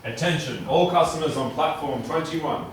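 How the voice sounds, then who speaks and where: A man's voice: on the high side, normal speed, a little hiss or hum. An actor in a stage skit playing a male train station announcer, speaking formally through a megaphone. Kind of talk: amateur stage skit acting. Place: stage in a large hall. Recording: echoey hall, heard from far off.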